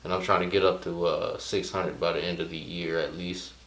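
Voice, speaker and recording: A man's voice: low-pitched, little pitch movement, brisk, fairly bright tone. A young man co-hosting a casual fitness chat in an easygoing, joking way. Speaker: co-host. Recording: echoey room.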